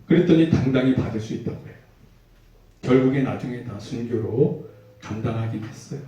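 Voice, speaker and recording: A male pastor preaching a sermon in a relaxed, conversational way, asking rhetorical questions. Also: mid-range voice, fairly quick, lo-fi sound, a little hiss or hum. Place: church sanctuary. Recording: echoey hall, mic far off.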